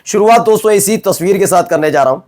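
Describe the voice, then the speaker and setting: A man's voice: sits high, lively intonation, quick pace, music in the background. A man presenting the news in a conversational, emphatic way, asking rhetorical questions of his viewers. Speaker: news anchor.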